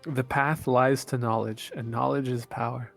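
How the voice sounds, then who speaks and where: Man playing a gravelly, solemn wise sage. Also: mid-range voice, steady tone, moderate pace. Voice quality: husky, gravelly. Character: male stoner mystic adventurer playing the wise old sage. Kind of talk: tabletop role-play. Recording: music under the voice.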